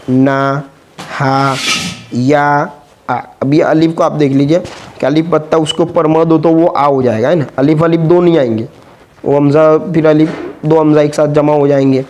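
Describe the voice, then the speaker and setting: Slow, flat-voiced man teaching letters. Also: medium pitch. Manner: patient, repeats letters and syllables one by one. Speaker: Urdu reading teacher. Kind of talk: slow spelled-out reading lesson.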